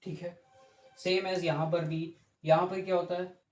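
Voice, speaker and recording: Male physics teacher, fairly high voice, step-by-step lecture with rhetorical checks, echoey room. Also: little pitch movement, unhurried, a little mellow, soft background music. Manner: explains step by step, asks rhetorical checks, corrects himself. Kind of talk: classroom lecture with board drawing. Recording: echoey room with faint ambient noise.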